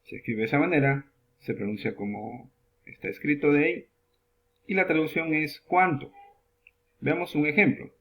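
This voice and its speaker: A man teaching English in a lesson, slowly spelling out example questions and then translating them, announcing each new word with a sing-song lift. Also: on the high side, phone-quality sound. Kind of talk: classroom lesson narration.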